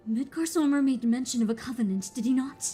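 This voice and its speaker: A woman's voice: high-pitched, brisk, warm tone, soft background music, close to an everyday voice. A woman voicing an earnest formal young scholar. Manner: archaic formal speech.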